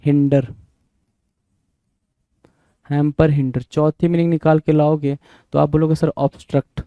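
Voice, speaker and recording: A man's voice: a little high, flat delivery, measured pace, warm tone, no echo, lo-fi sound. A man teaching exam vocabulary, often spelling words out letter by letter, repeating them and checking in with his listeners. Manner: frequent check-ins with listeners. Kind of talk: exam-prep vocabulary lesson.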